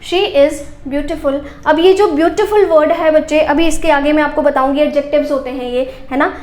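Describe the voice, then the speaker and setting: A woman's voice: sits high, fairly even intonation, normal speed, darkish tone, reverberant. A woman teacher giving a grammar lesson, explaining step by step and asking questions she answers herself.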